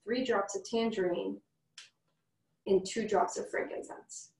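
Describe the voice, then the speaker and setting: A woman co-teaches the class, calmly explaining and encouraging. She is heard from a distance in an echoey room, at a mid pitch. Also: unhurried. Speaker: essential oils co-teacher. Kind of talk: instructive class chat. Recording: roomy, distant from the mic.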